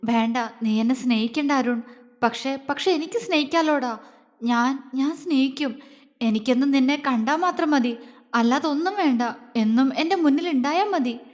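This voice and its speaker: A soft, pleading, lovesick young wife from a romance audio story, as a woman reads her. The high voice carries a long hall reverb. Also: moderate pace, close to an everyday voice.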